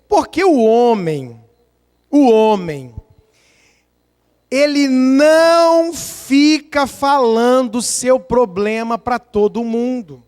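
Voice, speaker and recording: A Brazilian pastor preaches in an unusually high voice for a man, with a Brazilian Portuguese accent. He tells lively stories, acts out small scenes and counts aloud to drive home his point. His words ring out into a long church reverb. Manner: animated storytelling, acting out scenes and counting aloud. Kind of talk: sermon. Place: church sanctuary.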